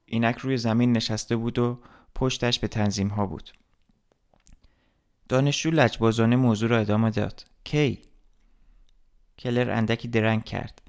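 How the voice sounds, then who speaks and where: A man narrating a literary story as an audiobook, reading in a steady, measured way. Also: medium pitch, clear, resonant tone.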